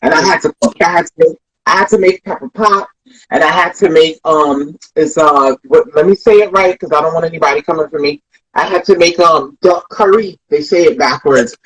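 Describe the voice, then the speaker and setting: Low-voiced and a little fast, with a breathy edge, this Brooklyn comedian from Flatbush reflects and rambles through stories in a casual interview. She restarts often and says "you know" a lot, in an American accent. It's a low-quality recording.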